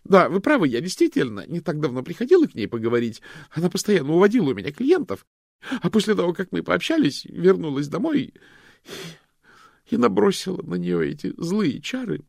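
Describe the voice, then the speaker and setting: A man voicing a frightened female fortune-teller suspect who stammers and pleads in a shrill voice. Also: sing-song, a little fast, creaky, darkish tone, no room sound, clean studio sound. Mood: anxious pleading.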